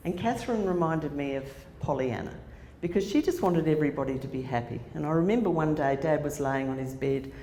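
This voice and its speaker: An Australian woman in her sixties speaks to a conference audience, telling a personal story with fillers and restarts. Her voice is low and dark, a bit fast, with few pauses. She uses a handheld microphone in a conference hall, and the sound is echoey with faint noise.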